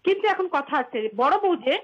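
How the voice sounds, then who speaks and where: A woman's voice: high voice, animated, moderate pace. A woman calling in to a show over a phone line, telling a story hesitantly and repeating herself. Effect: phone call heard on air. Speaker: caller to a call-in show.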